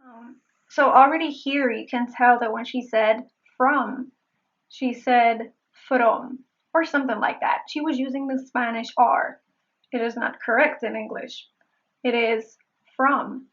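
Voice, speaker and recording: A woman accent coach giving a pronunciation lesson. She speaks deliberately and repeats words again and again to show how they sound. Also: on the high side, steady tone, a bit bright, dull audio.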